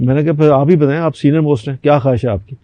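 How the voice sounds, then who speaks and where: Dark-voiced man telling a story. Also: fairly high pitch, no room sound. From Pakistan. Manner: animated anecdote telling with quoted voices. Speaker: guest. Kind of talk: storytelling in a talk show.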